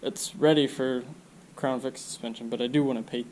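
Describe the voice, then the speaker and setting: Here the car restoration vlogger's voice sits at medium pitch and moves a little fast, his nose stuffed up. Working in his home garage, he chats in a relaxed, meandering way, thinking aloud with fillers, on a rough recording with slight hiss or hum.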